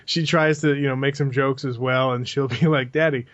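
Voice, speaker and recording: Animated laughing man, dry lo-fi sound. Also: medium pitch, moderate pace, dry recording. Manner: animated storyteller, laughs often. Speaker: podcast co-host. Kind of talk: casual chat.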